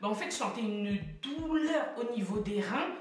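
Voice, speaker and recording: A woman's voice: on the high side, animated, normal speed, distant mic. A young woman telling a story casually and animatedly, acting out the dialogue with plenty of slang. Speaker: vlogger telling her birth story. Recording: echoey room, voice from off-mic.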